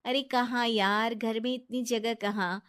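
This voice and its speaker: A woman voicing a trusting, earnest young wife in an animated storybook, who talks in a reassuring way. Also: on the high side, measured pace, smooth.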